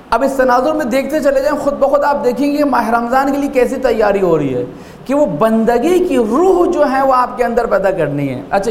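A man preaching a sermon, driving points home with rhetorical questions and dropping from raised, emphatic lines to hushed ones. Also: high-pitched. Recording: echoey hall with faint background noise.

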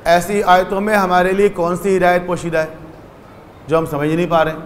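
A man's voice: sits high, little pitch movement, big-room sound, slight background noise. A man giving a religious lecture, explaining step by step and acting out short dialogues in his stories.

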